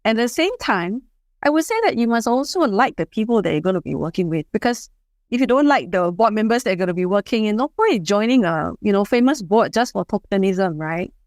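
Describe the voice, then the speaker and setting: A woman in her fifties from Singapore, speaking as a guest in a podcast interview, measured and advisory, often saying "you know". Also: mid-range voice, animated, a little mellow, no echo. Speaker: guest, HR leader and board member.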